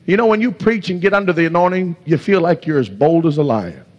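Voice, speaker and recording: A man's voice: fairly high pitch, lively intonation, fast talker, a little mellow. A male evangelist preaching a sermon with stories, impassioned and crying out hallelujah and glory to God. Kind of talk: sermon with storytelling. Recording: echoey hall, dull lo-fi sound.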